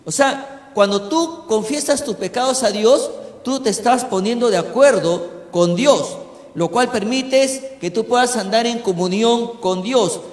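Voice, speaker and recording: Male pastor, high voice, preaching, roomy church hall, long reverb. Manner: preaching with frequent "¿no?" check-ins. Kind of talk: sermon teaching to a congregation.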